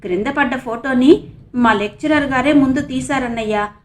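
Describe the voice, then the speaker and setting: Woman reading a teary college girl, bitter and upset, high voice. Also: moderate pace, slight background noise, natural voice. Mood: hurt. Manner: tearful, resentful. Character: tearful young female college student, younger sister. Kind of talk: audiobook character reading.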